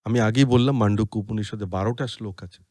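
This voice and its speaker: A man with a Bengali accent giving an explanatory spiritual talk, chanting Sanskrit verses slowly and deliberately. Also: lowish voice, darkish tone, dry recording, studio quality. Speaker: podcast speaker on scripture.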